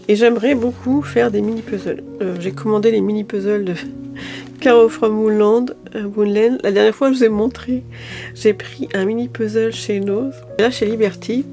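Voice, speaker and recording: A woman's voice: mid-range voice, creaky, mellow. A woman chatting casually through a shopping haul video, a little tired, hesitant, with many fillers and restarts. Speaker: lifestyle vlogger.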